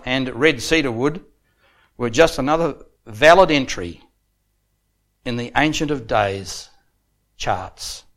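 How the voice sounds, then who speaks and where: A male preacher reading scripture and delivering a sermon, rising to loud emphatic phrases and dropping back low. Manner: builds to loud emphatic peaks, then drops low and soft; reads scripture aloud in measured cadence.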